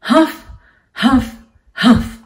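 Woman putting on a grumpy, curt lazy camel for toddlers. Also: extremely slow. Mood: grumpy, dismissive. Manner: curt, grunting, as if reading to a toddler. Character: lazy, grumpy male camel in a children's storybook.

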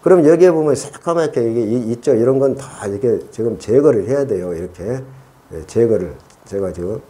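Chatty man with a lively, mellow voice. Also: mid-range voice, moderate pace. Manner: chatty, repeats words, thinks aloud. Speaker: orchid-growing channel host. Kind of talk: casual hands-on gardening tutorial.

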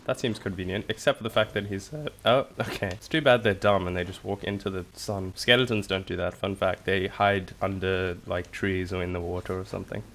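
A man with a very deep voice talks his way through a game in a groggy, just-woken-up tone. He rambles and restarts, full of fillers, in a casual commentary style. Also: steady tone, brisk, hardly any pauses, a bit bright. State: groggy morning voice. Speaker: gaming channel host.

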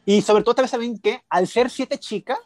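A man co-hosting a casual show review, chatty and gossipy, quick to agree. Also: extremely high pitch, a little mellow, faint music behind. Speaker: co-host reviewing a reality show. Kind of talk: casual chat.

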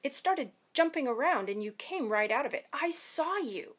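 A woman's voice: on the high side, very animated, unhurried, fairly bright tone, full character voice. A woman voicing a scared, ordinary schoolboy who talks in a shaky, pleading way, reading from a children's novel. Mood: startled.

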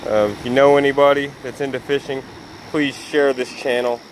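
A man's voice: mid-range voice, normal speed, slight background noise, low-quality recording. A man talking casually to his viewers while fishing at night on a rocky riverbank, recorded on a handheld phone. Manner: relaxed, chatty, talking to viewers while handling a fish. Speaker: fishing vlogger. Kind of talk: casual vlog narration.

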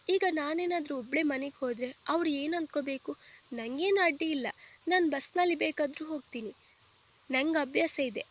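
A woman voicing a feisty, sharp-tongued young wife in a storybook reading, with pert, quick retorts. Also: high-pitched, dull audio.

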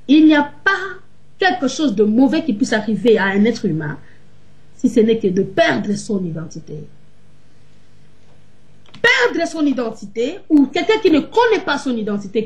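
An emphatic woman preaches on a video call, giving sermon-like teaching punctuated by rhetorical questions. Her voice is a little high with a darkish tone, picked up by a webcam microphone.

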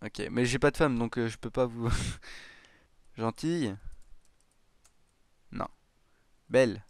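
Slow-talking man musing over a game. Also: mid-range voice, dry recording. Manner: thinks aloud, hesitant, chuckling often; self-mocking. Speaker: gaming YouTuber. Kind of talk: casual let's-play commentary.

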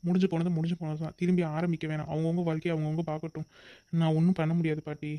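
A brusque young village man who shuts down every question and gives orders, voiced by a man for a homemade cartoon. He talks very fast at a slightly raised, flat pitch, recorded close and dry. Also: dry recording, close to an everyday voice. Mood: dismissive. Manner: curt, dismissive, commanding. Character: young village man, curt dismissive elder brother.

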